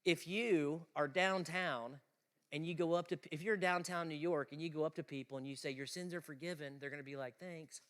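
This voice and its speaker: A man preaching an animated lecture to students, emphatic, swinging from loud exclaiming to quiet asides. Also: on the high side, brisk.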